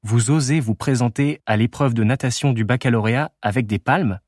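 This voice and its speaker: A man's voice: medium pitch, brisk, a little mellow, dry recording, clean studio sound, lightly acted. A man reading an audiobook, voicing an adult male swimming instructor who sputters incredulous questions.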